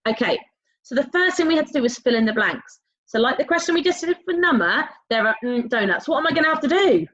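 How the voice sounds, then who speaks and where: A woman teaching a recorded primary school maths lesson, talking directly to young pupils in an encouraging, sing-song way with drawn-out key words and prompting questions. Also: sits high, expressive, a bit bright. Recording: dull, lo-fi sound.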